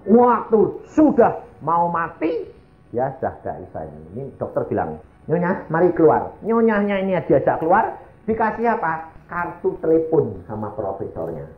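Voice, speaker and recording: A male evangelist preaches in an animated storytelling way, his pitch swooping high and low. His voice fills an echoey church hall and comes through thin and phone-like. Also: normal speed. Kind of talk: sermon storytelling.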